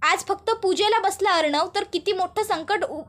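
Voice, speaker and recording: A woman's voice: very high-pitched, moderate pace, a bit bright. A woman voicing a scheming middle-aged aunt who talks in an indignant, self-justifying way.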